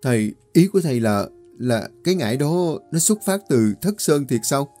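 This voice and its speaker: A man voicing a jittery, easily panicked young village man, talking fast in a raised voice. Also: medium pitch, lively intonation, mellow, faint music behind, voice pushed up, natural voice. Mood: anxious. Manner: quick, raised, breathless.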